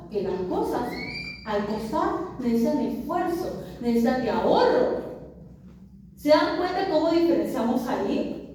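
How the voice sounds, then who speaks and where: Woman preacher, high voice, rhetorical questions, very echoey room, distant mic. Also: warm tone, slight background noise. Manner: asks the congregation rhetorical questions; addresses listeners as brothers. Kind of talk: sermon.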